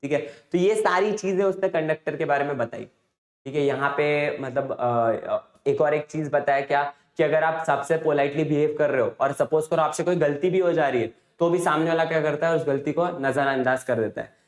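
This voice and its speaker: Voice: mid-range voice, moderate pace. A teacher giving an exam revision lesson, retelling a chapter's story in a conversational way with frequent rhetorical questions. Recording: roomy echo.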